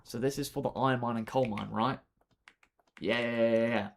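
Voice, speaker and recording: Chill guy streaming a game, rambles with lots of ums, mid-pitched voice, faint keyboard clicks going. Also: steady tone, fairly quick, gravelly, a little hiss or hum. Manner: laid-back, chatty, laughs often, trails off with fillers. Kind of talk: casual live-stream chat while gaming.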